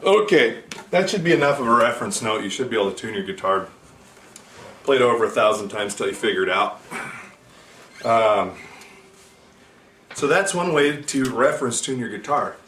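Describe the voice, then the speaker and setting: A man teaching guitar in a casual video lesson, talking in a relaxed, chatty way with fillers and restarts. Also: mid-range voice, moderate pace, long pauses, slight background noise. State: has the hiccups. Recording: echoey room with guitar playing.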